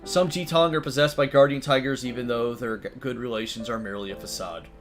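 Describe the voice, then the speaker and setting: A man reading the lines of a protective male guardian tiger spirit aloud in a soft, formal, old-fashioned way. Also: medium pitch, faint music behind, lightly acted. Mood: calm. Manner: formal, old-fashioned wording, read slowly and softly. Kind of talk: reading visual novel dialogue aloud.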